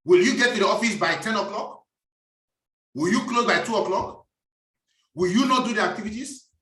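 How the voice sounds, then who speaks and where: A man's voice: sits high, moderate pace, pushed and bright, far from the mic. A man giving a preachy, emphatic business talk and repeating his key phrases. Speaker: business speaker. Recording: echoey room, voice off-mic.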